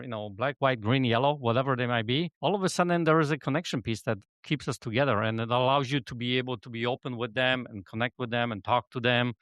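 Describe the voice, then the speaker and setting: A man's voice: mid-range voice, a bit bright, smooth, no echo. Rambling middle-aged man from Poland, dry sound. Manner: rambling, leans on "you know what I mean". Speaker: podcast guest, business coach. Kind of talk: casual conversation.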